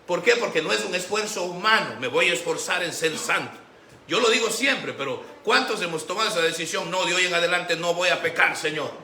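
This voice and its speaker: Bright-voiced preaching pastor, echoey church. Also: male voice, sits high, brisk. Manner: animated preaching, acts out quoted voices. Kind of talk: sermon. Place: church sanctuary. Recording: echoey church room with faint background noise.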